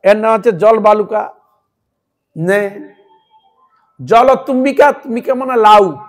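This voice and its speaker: A man with a very high-pitched voice and a Bengali accent preaches a devotional sermon. He tells the story emphatically and keeps turning to his listeners with rhetorical questions. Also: unhurried, soft background music.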